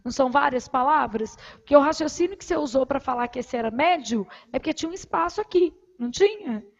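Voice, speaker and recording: A woman with a Brazilian Portuguese accent teaching grammar, asking the class questions and answering them herself, and counting syllables aloud slowly. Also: high-pitched, lively intonation, muffled recording. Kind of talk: recorded grammar lesson.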